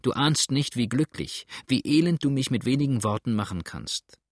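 A man's voice: mid-range voice, expressive, moderate pace, no room sound, studio quality, lightly acted. A man reading the part of a desperate husband, a judge, pleading urgently with a trembling voice.

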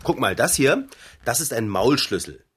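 A voice actor as a laid-back cartoon bike mechanic, plain casual speech, lively pitch, clear hiss in the recording. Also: normal speed, lightly acted. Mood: cheerful. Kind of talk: cartoon voice acting.

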